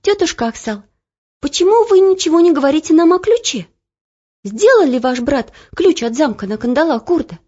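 A woman voicing a lively, bold young girl page in an audiobook. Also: high-pitched, normal speed, muffled recording, pitched above the performer's own voice. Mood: eager.

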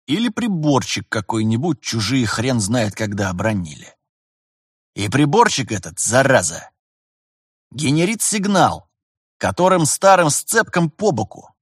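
A man's voice: mid-range voice, breathy edge, no echo, clean studio sound, voice pushed up. A man voicing a seasoned male pilot master who lectures a trainee in a folksy, mocking way.

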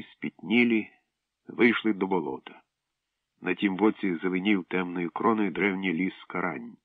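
A man reading a children's adventure story aloud in a steady, measured way. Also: low voice, no echo, recorded from a distance. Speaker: narrator. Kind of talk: audiobook narration. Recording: dry tinny phone-like sound.

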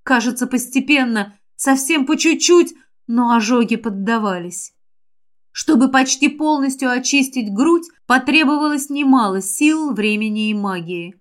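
A woman narrates a first-person fantasy audiobook with a high, clear voice. Her reading is emotional and expressive, and her pitch rises in the tense passages. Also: unhurried.

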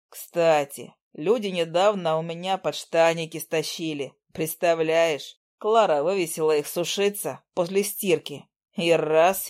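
A cool male demon who teases his friend in a calm, dry manner, his voice set far lower than the reader's own, as a woman narrator puts him on. He sounds unbothered and quietly mocking.

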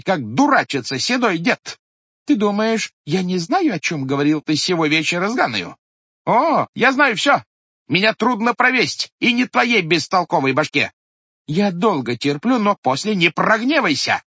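A man voicing an angry village woman who scolds a one-eyed old village head, in a high, shrill voice. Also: pushed and bright, husky, no room sound, lo-fi sound, full character voice. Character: shrill scolding woman, the head's sister-in-law.

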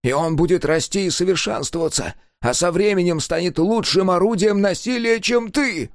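Shrill manic little engineer. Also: male voice, moderate pace, no room sound, clean studio sound. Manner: frantic, shrill, pleading.

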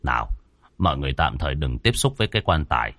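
A man voicing a steady older village man in a ghost story, speaking low and calmly. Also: fast talker, no room sound, heavily acted. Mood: cautioning. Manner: low, calm and commanding.

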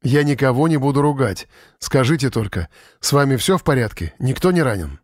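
A man voicing a calm, commanding adult rescuer. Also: mid-range voice, a little fast, no room sound, clean studio sound, natural voice. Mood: reassuring.

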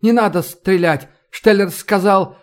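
A man's voice: sits high, measured pace, pitched above the performer's own voice. A man voicing a frantic male professor who begs the others to stop, his voice raised and strained. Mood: pleading.

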